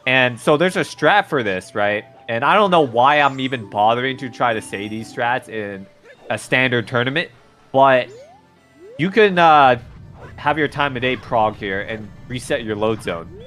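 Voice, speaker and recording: A man's voice: medium pitch, animated, measured pace, fairly bright tone, faint music behind. A man doing casual live game commentary as a hyped gamer bro. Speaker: race commentator.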